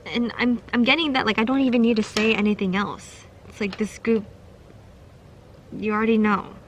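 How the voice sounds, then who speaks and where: A woman's voice: a little high, fairly even intonation, moderate pace, a little hiss or hum. A young woman giving a casual pick-a-card tarot reading, chatty and giggly, with many fillers and restarts. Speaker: tarot reader.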